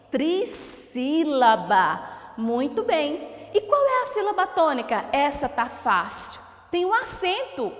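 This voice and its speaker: A woman teacher with a Brazilian Portuguese accent giving a recorded lesson for children, asking pupils questions and drawing out each syllable slowly. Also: sits high. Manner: slow, drawn-out syllable-by-syllable pronunciation, asks questions to pupils. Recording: echoey room with long reverb.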